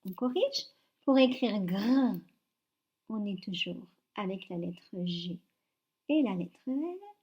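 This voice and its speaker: A woman with a French accent teaching young children to read, dictating syllables slowly and patiently with careful articulation. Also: mid-range voice, expressive, dark tone. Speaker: first-grade reading teacher.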